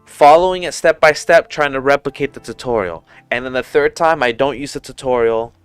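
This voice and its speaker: A man's voice: medium pitch, fairly quick, clear, resonant tone, dry recording. A man in his thirties from Puerto Rico, hosting a casual livestream, chatting informally with lots of fillers and restarts into a headset mic. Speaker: livestream host. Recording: music playing faintly underneath.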